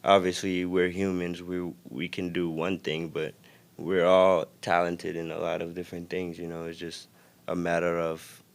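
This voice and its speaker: A young man from Senegal with a Senegalese accent, a guest in a casual interview, talking in a relaxed, reflective way with many fillers. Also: deep voice, moderate pace. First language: Wolof. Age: young adult.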